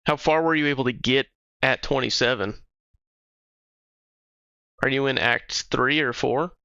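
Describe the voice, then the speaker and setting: A man's voice: mid-range voice, measured pace, gravelly, sharp tone, smooth, no room sound. A man livestreaming a game, chatting casually with viewers in a loose, profane way. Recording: slightly dull stream audio with music.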